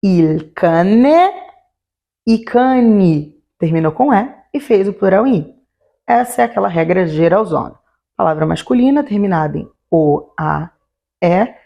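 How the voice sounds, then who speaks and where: Woman, language lesson, gravelly, mellow, explains step by step. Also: medium pitch. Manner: explanatory, slows to spell out example words. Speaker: Italian teacher. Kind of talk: online grammar lesson.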